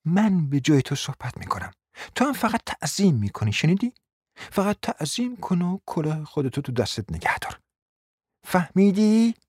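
A bossy, contemptuous woman, put on by a male reader, snaps commands in a raised, husky voice that leaps up and down. The recording is dry and close, like an audiobook read in a dead room. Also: very animated, no room sound, full character voice. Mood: scolding. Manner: shrill scolding, sharp commands and insults. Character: domineering scornful middle-aged woman, bossing her husband. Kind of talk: audiobook dramatic reading.

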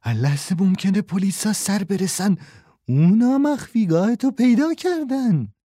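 A man's voice: sits high, expressive, dark tone, no echo, studio quality, voice pushed up. A man voicing a lying crook in an audiobook who poses as a friendly uncle and pushes urgently and insistently. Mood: urgent pushy. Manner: pushy, falsely friendly, urgent. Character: lying male swindler posing as a kind uncle.

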